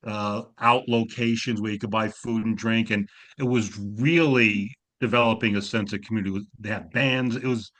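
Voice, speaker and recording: A man's voice: on the low side, steady tone, normal speed, a bit bright. A man in his sixties with a slight New York accent, telling wry family stories on a video call during a class discussion. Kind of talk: storytelling in a Zoom class discussion.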